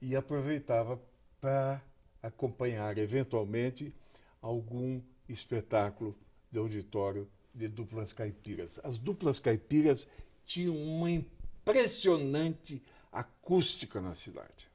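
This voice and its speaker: An older guest journalist from Curitiba, Brazil, reminisces during a TV studio interview in a mellow, husky, medium-pitched voice. He talks slowly and haltingly, repeating words as he tries to recall.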